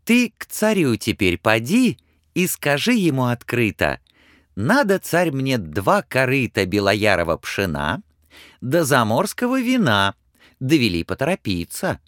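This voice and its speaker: A man's voice: mid-range voice, wildly swooping pitch, measured pace, a bit bright, no room sound, clean studio sound, voice pushed up. A man voicing a kind, wise little humpbacked horse in a storybook reading, coaxing and soothing. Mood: advising.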